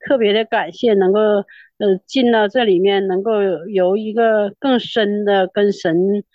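A woman's voice: medium pitch, fairly even intonation, a little slow, no echo. A middle-aged woman with a Northeastern Mandarin accent gives an earnest, tearful personal church testimony, repeating herself as she tells it. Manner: earnest, tearful, repetitive storytelling. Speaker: church member giving testimony. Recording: dull lo-fi dry recording.

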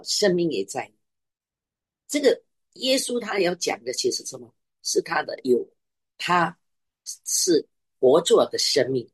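A woman's voice: extremely low pitch, slightly rough, dry recording. A middle-aged woman preaching a sermon, stressing her points by repeating phrases.

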